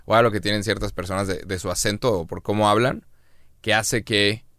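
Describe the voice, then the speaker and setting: A young man with a Monterrey accent, co-hosting a casual podcast, talking loudly and profanely with animated shifts. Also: fairly low pitch, fairly quick, no echo, clean studio sound. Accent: northern Mexican (Monterrey). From Monterrey, Mexico. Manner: loud, profane, animated, puts on mocking voices. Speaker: podcast co-host.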